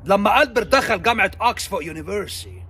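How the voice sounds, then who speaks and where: A man with an Egyptian accent teaching English in a theatrical lesson, swinging between shouting and whispers. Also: high voice, lively intonation, rapid-fire, slightly rough. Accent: Egyptian Arabic. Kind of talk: animated language lesson.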